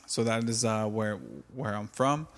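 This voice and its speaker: A man's voice: lowish voice, fairly even intonation, a little slow, long reverb tail. A man from California hosting a solo podcast, talking casually with many fillers and restarts. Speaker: podcast host.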